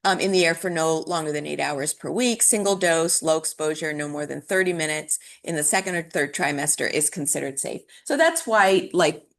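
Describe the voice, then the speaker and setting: Lowish-voiced woman giving a casual lecture. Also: normal speed, few pauses, fairly bright tone. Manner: conversational, with frequent fillers and restarts. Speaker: dental hygiene instructor. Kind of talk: recorded classroom lecture.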